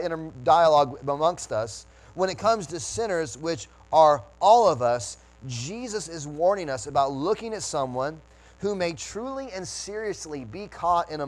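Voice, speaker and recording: Earnest preaching man, somewhat high voice. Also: rough recording. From United States. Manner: earnest, restarts phrases while preaching. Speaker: pastor. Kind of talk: sermon.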